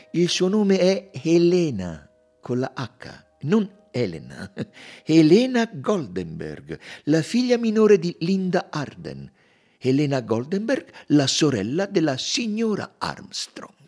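A man's voice: fairly high pitch, huge pitch swings, takes it slowly, dark tone, soft background music, pitched above the performer's own voice, exaggerated voice. A man voicing a shrewd middle-aged detective who presses his questions with pointed insistence. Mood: probing.

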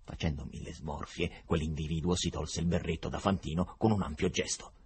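A man reading a novel aloud as an expressive audiobook narrator. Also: a bass voice, a little fast, slightly rough. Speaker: reader.

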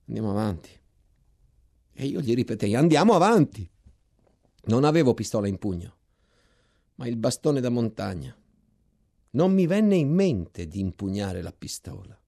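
A man reading a war memoir aloud, measured and dropping quiet in tense passages. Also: lowish voice.

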